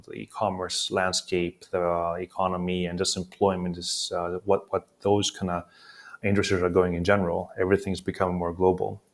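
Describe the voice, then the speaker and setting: Male guest from Greece, very deep even delivery, measured and explanatory, lots of "uh" fillers. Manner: steady explanatory talk with frequent "uh" fillers. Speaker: guest, payments executive. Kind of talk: conversational interview answers.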